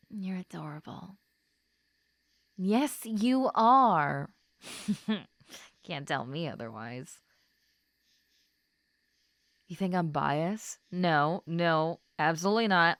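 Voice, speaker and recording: In a roleplay audio drama, a woman plays a usually stoic, popular schoolgirl who is now tipsy, giddy and openly lovestruck. Her low, softly murmured voice stretches phrases slowly and affectionately in an adoring, teasing mood. The recording is close and dry with no echo, as if meant for the listener alone.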